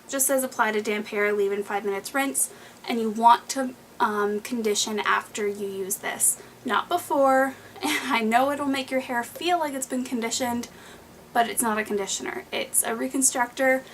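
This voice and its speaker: A woman's voice: a little high, normal speed, a bit bright, slight background noise, poor audio. A young woman in her twenties chatting through her favorite beauty products in a home vlog, rambling with lots of fillers and a little out of breath. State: slightly out of breath. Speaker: beauty vlogger. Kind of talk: casual monthly favorites vlog.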